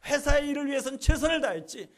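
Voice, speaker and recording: A man's voice: very high voice, animated, fast talker, voice pushed up. A man playing a laid-off husband, bitter, pleading and tearful. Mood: reflective.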